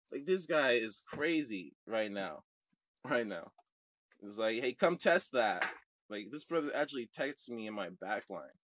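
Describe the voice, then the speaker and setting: A man hosting a religious online show, ranting to his viewers in a combative way that swings from shouting to muttering. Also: on the low side, a little hiss or hum. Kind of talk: heated livestream rant to viewers.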